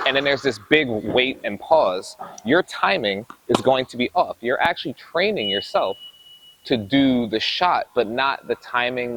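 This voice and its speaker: A man coaching tennis, explaining drills in an energetic, explanatory way while demonstrating on the court. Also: mid-range voice, rough recording. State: a little out of breath. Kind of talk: instructional coaching talk.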